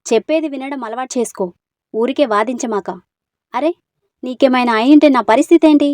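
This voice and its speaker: A woman's voice: sits high, brisk, darkish tone, dry recording, studio quality, close to an everyday voice. A woman voicing a hot-tempered but doting young village man in a storybook reading, scolding then coaxing.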